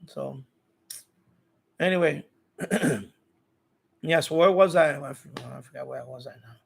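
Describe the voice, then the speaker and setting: On a radio hobby channel's live stream, a man talks loosely to his chat, rambling and frequently repeating himself. His voice sits on the high side, a little slow, with a creaky, breathy edge.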